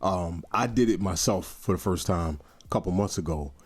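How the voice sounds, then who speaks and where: A podcast host with a low-pitched voice, a breathy edge and a moderate pace keeps a casual chat going. He stays laid-back and conversational, moving things along with short responses.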